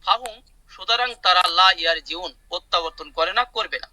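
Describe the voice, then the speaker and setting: A man's voice: high-pitched, a little fast, pushed and bright, dry recording, poor audio. A man teaching Arabic vocabulary in an online class, repeating words, explaining them and asking his students questions. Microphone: video call.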